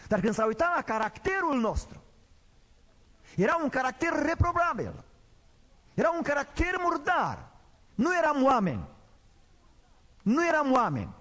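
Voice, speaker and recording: A man preaching a sermon, swinging between loud emphatic declarations and quiet, low storytelling. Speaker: pastor. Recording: long hall reverb.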